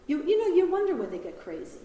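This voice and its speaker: Lively woman preaching in an echoey hall. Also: extremely high pitch, fast, lo-fi sound, slight background noise. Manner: lively storytelling with humor and laughs. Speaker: retreat speaker. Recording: echoey hall with long reverb.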